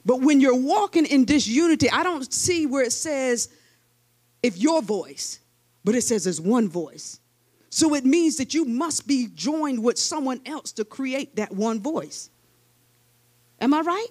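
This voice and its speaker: A woman's voice: high voice, animated, measured pace, darkish tone. A woman preaching a sermon to a church congregation, leading them in call-and-response chants and using hands-on examples. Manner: demonstrative, uses hands-on examples.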